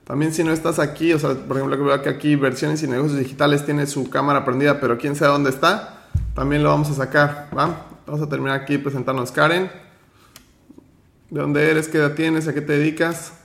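Firm gravelly man hosting a workshop. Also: fairly high pitch, level tone, brisk, fairly bright tone, reverberant. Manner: firm, direct, gives instructions. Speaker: host of an online finance workshop. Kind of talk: motivational teaching and roll call.

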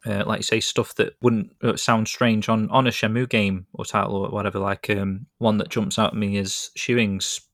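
A man with a British accent hosts a casual podcast, rambling chattily and laughing easily, at normal speed with hardly any pauses. His voice is on the low side, a bit bright, and flat in delivery. The clean studio recording is dry.

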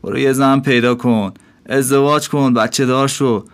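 Man voicing a scornful innkeeper, higher pitched, loud, mocking, scolding. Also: steady tone, close to an everyday voice. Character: scornful middle-aged male innkeeper.

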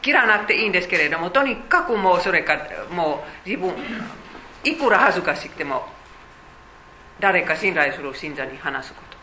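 A woman's voice: on the low side, expressive, normal speed, bright, forceful tone, reverberant, slight background noise, low-quality recording. A woman teaching a Bible study, explaining chattily with fillers and asides.

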